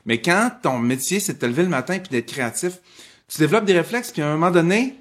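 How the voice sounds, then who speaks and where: A man, a guest musician chatting on a podcast as an animated, expressive storyteller. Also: fairly high pitch, fast. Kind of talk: casual podcast chat.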